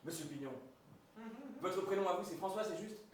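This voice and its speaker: A man's voice: high voice, brisk, natural voice. A man acting an impatient, scheming man who bosses others around curtly, in an amateur stage comedy. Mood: exasperated. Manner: curt, exasperated, commanding. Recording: echoey stage from far off, faint noise.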